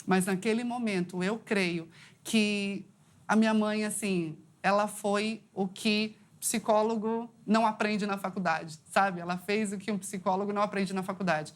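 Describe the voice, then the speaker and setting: Her intonation fairly even and her pace normal, a woman psychologist on a talk show tells a personal story earnestly and from the heart, with her pitch rising at the story's climaxes.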